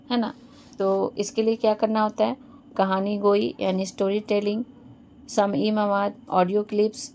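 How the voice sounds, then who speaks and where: A woman's voice: mid-range voice, a little mellow, slight background noise. A woman teaching an exam-prep lecture, asking herself questions and answering them, with a frequent "hai na" tag.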